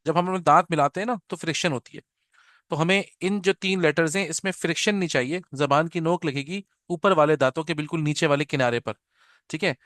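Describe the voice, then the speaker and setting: Patient male Quran teacher, crisp voice. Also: a little high, fairly quick, a bit bright, no echo, clean studio sound. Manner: patient, repeats "theek hai na" often; mixes English phrases into Hindi-Urdu. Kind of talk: online class explanation.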